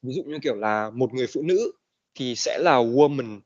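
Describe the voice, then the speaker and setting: A man teaching an online English class, mixing Vietnamese and English with lots of "um" and "uh". His voice sits at an ordinary pitch. The recording is dull and lo-fi. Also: expressive, brisk. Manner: mixes Vietnamese and English, many fillers.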